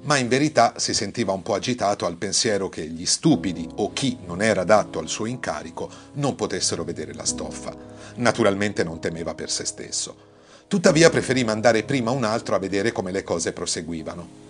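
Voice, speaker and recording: A man tells a classic fairy tale in a lowish voice, reading expressively and lifting his tone when characters speak. Quiet music plays underneath the narration. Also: animated, brisk. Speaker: storyteller. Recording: faint music behind the voice.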